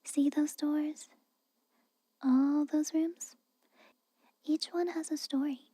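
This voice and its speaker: In an ASMR fantasy roleplay, a woman voices a young tsundere castle maid who whispers close and dry, with no echo, haughty and guarded but scolding with reluctant care. Her high-pitched, breathy voice is very mellow and unhurried, fairly even in intonation, with hesitant pauses. The mood is grudging and reflective.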